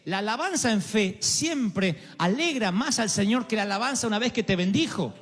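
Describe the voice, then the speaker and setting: High-voiced preacher in a hall. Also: male voice, lively intonation, normal speed. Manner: dramatic, acts out quoted voices, humorous asides. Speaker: pastor. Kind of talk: sermon. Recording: live hall with long reverb, faint music.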